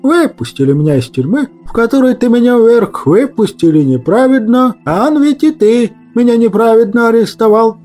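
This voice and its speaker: A man voicing a cryptic old man who speaks in slow riddles, raised in pitch. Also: lively intonation, warm tone, soft background music. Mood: teasing. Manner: drawling riddling talk. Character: sly cryptic old man, calm and knowing.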